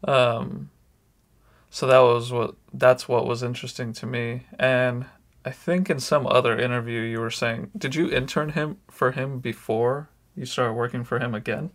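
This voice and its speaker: A man's voice: mid-range voice, fairly even intonation, moderate pace, a bit bright. A man hosting an interview in casual chat, rambling with lots of "like" and "you know", often laughing. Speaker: podcast host.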